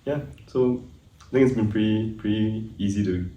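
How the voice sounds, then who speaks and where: A man's voice: on the low side, normal speed. A young man in his twenties from Singapore, a student guest talking casually and laughing easily. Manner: relaxed, chatty, laughs easily. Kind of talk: casual chat. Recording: echoey room, mic at a distance.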